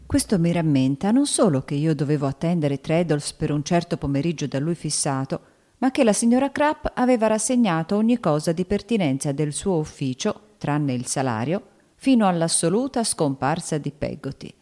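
A woman calmly reading a classic novel aloud. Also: low voice, normal speed. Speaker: audiobook narrator. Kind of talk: scripted literary narration.

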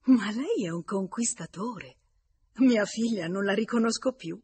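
Woman putting on a bubbly young lady, husky, breathy, high and exclaiming, storybook. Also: measured pace, exaggerated voice. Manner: bright, exclaiming, louder and higher than the narration. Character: lively, effusive young Parisian lady, woman.

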